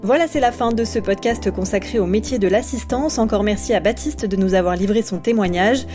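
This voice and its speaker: A woman giving the scripted narration of a podcast, in a smooth, even delivery. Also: mid-range voice, fairly quick, music in the background.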